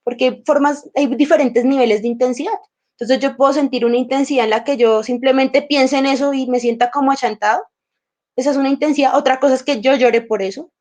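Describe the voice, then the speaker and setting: Lady with a high voice giving a workshop, chatty, plays out little talks with her feelings, bit of a sore throat. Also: fairly even intonation, fast talker, a little mellow. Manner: conversational, acts out inner dialogues with emotions. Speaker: workshop teacher. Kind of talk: emotional intelligence workshop talk.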